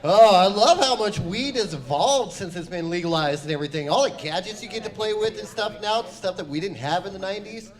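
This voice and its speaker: Forties male comic, high animated voice, loud and laid-back, swearing freely. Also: a little fast, few pauses. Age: 40s. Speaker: stand-up comic. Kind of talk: stand-up comedy set.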